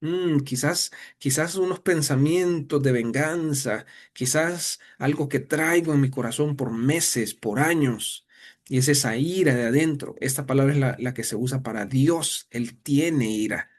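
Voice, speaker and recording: A man's voice: medium pitch, a little slow. Salvadoran guy teaching bible on a video call, chatty, lots of "eh" and questions to the listener. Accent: Salvadoran Spanish. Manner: conversational, asks rhetorical questions, many fillers and restarts.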